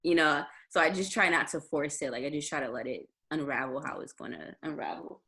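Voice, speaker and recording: A young adult woman chatting in an interview over a video call. Her voice sits on the lower side for a woman, and she rambles comfortably, restarting sentences and leaning on fillers. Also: brisk, sharp tone, a little hiss or hum. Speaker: musician guest. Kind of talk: casual interview chat.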